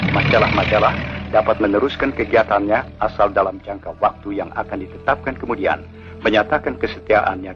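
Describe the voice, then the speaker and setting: A man reading a formal official statement on the radio in a measured, solemn way, heard as an old 1960s newsreel broadcast. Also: lowish voice. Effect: old 1960s radio newsreel sound. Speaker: radio announcer. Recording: muffled archival radio broadcast with faint music.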